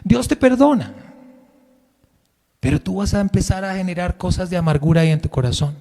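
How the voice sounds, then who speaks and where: A man preaching a Sunday sermon as pastor, asking the congregation questions and swinging between loud and quiet. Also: high voice, a little fast, gravelly, long reverb tail. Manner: preaching with sudden rises and drops in loudness, direct questions to the congregation. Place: church hall.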